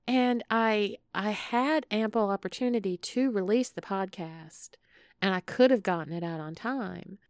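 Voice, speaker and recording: Female podcast host, unhurried and intimate, playful and flirty, close dry sound. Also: medium pitch, no echo. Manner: flirtatious, playful, addresses listeners with pet names. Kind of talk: casual, intimate solo podcast chat.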